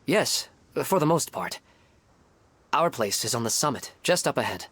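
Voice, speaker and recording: An actor playing an earnest, wistful widowed father in a video game, speaking in a measured, reflective way. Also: medium pitch, sing-song, fairly bright tone, slight background noise. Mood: wistful, fond. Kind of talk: voice-acted game story dialogue.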